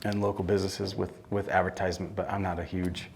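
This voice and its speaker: On stage before an audience in an event room, a middle-aged builder who owns his company answers interview questions as a guest. His low, creaky voice comes out quick and flat, blunt and plain-spoken, with restarts mid-sentence.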